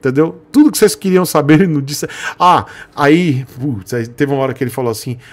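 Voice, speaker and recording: Chatting casually on his live stream, this motorcycle vlogger with a Brazilian Portuguese accent goes on a sarcastic, joking rant, chuckling often at his chat. He talks quickly with a fairly high pitch.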